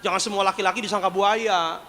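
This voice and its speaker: A male pastor with a high-pitched, sharp voice preaches fast with fairly even intonation, telling stories, cracking jokes, and acting out the people he quotes. He uses a stage microphone in a large church hall, where the sermon carries a long reverb over faint noise.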